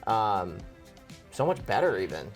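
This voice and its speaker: A man's voice: on the low side, sing-song, a little slow, soft background music. A man, a cartoon voice actor, chatting enthusiastically in a casual interview, often restarting his sentences.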